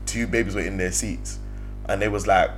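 A man's voice: low voice, steady tone, normal speed, rough recording. A young man with a London roadman accent and heavy slang, in casual banter with friends. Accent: London, urban slang. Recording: music playing behind the voice.

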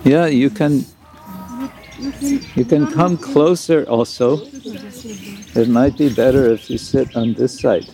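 A man, a spiritual teacher, talking calmly and welcomingly with disciples in a casual chat. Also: mid-range voice. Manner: slow, calm, welcoming.

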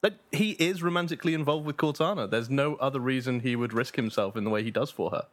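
Even-toned man steering a podcast chat. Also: mid-range voice. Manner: measured, agreeable, steers the talk. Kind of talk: casual panel chat about games.

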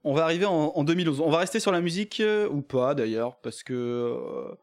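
A man's voice: fairly high pitch, expressive, brisk. A man co-hosting a casual podcast chat, talking in a dry, sarcastic way. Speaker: podcast co-host.

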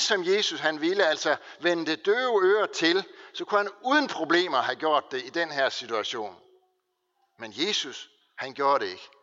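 Animated, bright-voiced male preacher in a church hall. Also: a little high, lo-fi sound. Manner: preaching with slow, weighty pauses and emphasis. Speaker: pastor. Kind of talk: sermon.

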